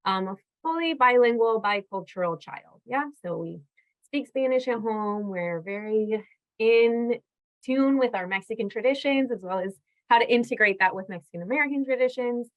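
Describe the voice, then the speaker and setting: A woman's voice: fairly high pitch, normal speed. A woman from California presenting a professional webinar in a conversational way, with frequent fillers. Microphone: video call. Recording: dull lo-fi webinar audio.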